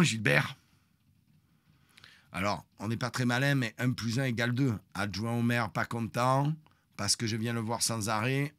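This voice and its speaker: A man's voice: medium pitch, dry recording. A man telling a story on a live stream, acting out the confrontation dramatically. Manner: dramatic, animated retelling that acts out the confrontation.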